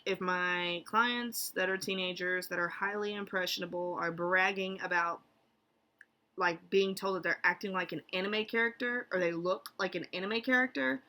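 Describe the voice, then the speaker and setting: A woman's voice: medium pitch, sharp tone. A woman therapist talking casually in a vlog, rambling with lots of fillers and incredulous asides.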